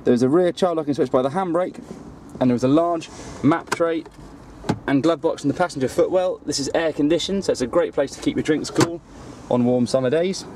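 A man's voice: fairly high pitch, brisk, background noise. A man with a Welsh accent, presenting a car in a scripted walkaround on an outdoor dealership forecourt. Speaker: car salesman presenting a vehicle.

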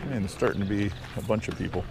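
A man's voice: on the low side, quick pace, vocal fry, music in the background. A man vlogging while shopping at an outdoor flea market, chatting easygoingly and haggling with sellers, recorded on a body-worn camera. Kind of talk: casual chat while bargaining. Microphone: body-worn action camera. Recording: outdoor noise behind voice.

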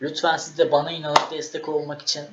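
A young man tells a story to his viewers in a casual, animated way, acting out his own quoted lines. His voice sits a little high. The recording is echoey and dull, with a faint hiss behind it. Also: quick pace. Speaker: vlogger. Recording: echoey room, dull lo-fi sound, faint noise.

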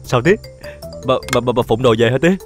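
A man's voice: mid-range voice, animated, brisk, faint music behind, close to an everyday voice. An actor playing a gleeful man celebrating a scheme.

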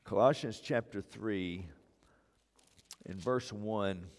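A man's voice: fairly low pitch, takes it slowly, darkish tone. An older man preaching a sermon as pastor, pressing his points with repeated phrases, on a church stage on a wireless mic. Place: church sanctuary stage, indoors. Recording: long reverb of a church hall.

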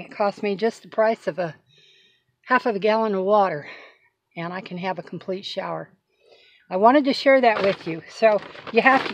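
An older woman vlogs from inside her cargo van on a handheld phone camera, chatting in a casual, folksy way while demonstrating something and often apologizing and asking for patience. Her voice is medium-pitched, and the rough recording has slight background noise.

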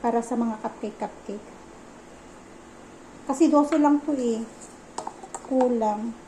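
High-voiced chatty woman vlogger. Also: slow pace, dark tone, slight background noise, rough recording. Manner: chatty, mixes English phrases into her talk. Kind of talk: casual home vlog narration.

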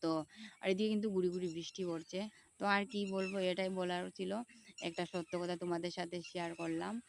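This woman, a Sylheti-accented vlogger in her thirties from Tripura, India, talks fast to her viewers from beside a pond, explaining things and going over them again. Her low-leaning voice has little pitch movement and some vocal fry, with a slight hiss or hum in the background.

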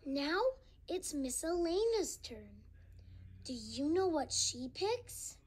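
A young performer voicing a friendly, gentle little boy tiger who narrates a children's read-along storybook in a slow, sing-song way. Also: sits high, sing-song, exaggerated voice. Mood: gentle, earnest.

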